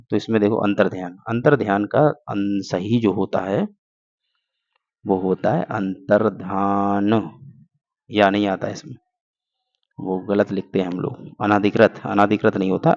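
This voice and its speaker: A man's voice: fairly low pitch, fairly even intonation, moderate pace, vocal fry, a little mellow. A man teaching an exam-prep grammar lesson, explaining step by step and answering his own questions. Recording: dull lo-fi recording.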